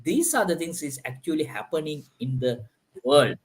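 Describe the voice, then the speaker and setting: The host, a man with a slightly high voice, runs a live online panel at a normal pace and with very animated delivery. His loose talk is heavy on filler, repeating "like, you know," and he frequently restarts his sentences.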